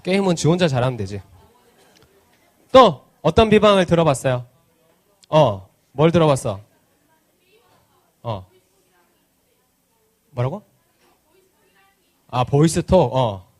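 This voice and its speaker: A man's voice: a little high, expressive, slow, pauses often, a little mellow. A man giving an interactive children's sermon at a church service, teasing the kids playfully and asking them lots of questions. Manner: asks the children many questions. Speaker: children's pastor.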